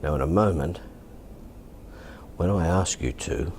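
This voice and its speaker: Calm as a practicing hypnotist, this Australian man has a deep, low voice and talks gently and deliberately while instructing, often repeating himself. He is teaching and demonstrating hypnosis, with clear background noise in the recording.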